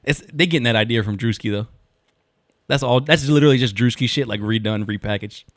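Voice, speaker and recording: A young man co-hosting a casual podcast, talking loose and slangy at an ordinary pitch. He jokes around easily. The sound is dry and close, with no room around it. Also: dry recording. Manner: loose, joking, slangy, does quick impressions. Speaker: podcast co-host. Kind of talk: casual chat.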